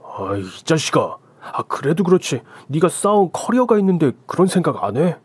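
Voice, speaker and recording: A man voicing a blunt, rough-spoken male friend who scolds but is concerned, in a told story. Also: mid-range voice, very animated, moderate pace, darkish tone, dry recording. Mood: scolding.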